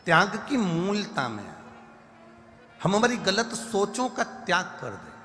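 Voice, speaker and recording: A man's voice: high-pitched, huge pitch swings, unhurried, bright, forceful tone. A man preaching a devotional sermon, stressing his points through lists and repetition, and now and then singing verses over music. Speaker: religious storyteller. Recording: music bed in a reverberant hall.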